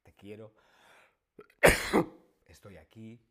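Hoarse male teacher, unhurried and lowish, patient repeats for learners. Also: fairly even intonation, a bit bright. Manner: slow, repeats phrases for learners. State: sore throat, coughing. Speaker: language teacher. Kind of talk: live online language lesson.

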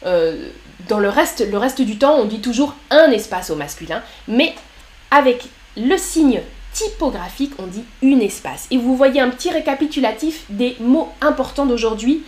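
A woman's voice: a little high, lively intonation, moderate pace, a little mellow. A woman teaching her language on a live stream, cheerfully reading out viewers' chat messages and correcting their punctuation.

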